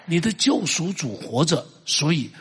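A man's voice: on the high side, sing-song, unhurried, fairly bright tone, long reverb tail. A male pastor preaching emphatically, leading his congregation to repeat lines back to him. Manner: emphatic preaching, leads congregation in call-and-response. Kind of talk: sermon.

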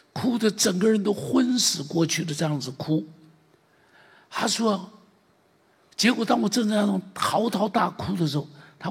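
A man preaching a sermon, retelling a story with many repeats and swings from loud to hushed, in a very husky, gravelly voice. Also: sits high. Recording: long hall reverb.

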